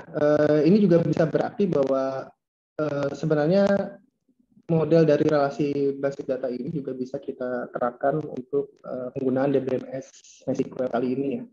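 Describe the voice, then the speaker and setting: Hoarse lecturer, dull lo-fi audio. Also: male voice, medium pitch, mellow. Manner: hesitant, many fillers and throat clearing. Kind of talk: online lab lecture. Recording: dull lo-fi online call audio.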